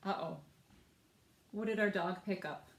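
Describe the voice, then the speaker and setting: In an echoey room, a woman with a mid-range voice reads picture books aloud expressively, addressing young listeners directly and asking them questions.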